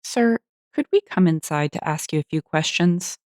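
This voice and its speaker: A woman's voice: deep voice, lively intonation, a little mellow, no room sound, studio quality. A woman voicing a businesslike police officer questioning people in a storybook tale. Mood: official. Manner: brisk and official.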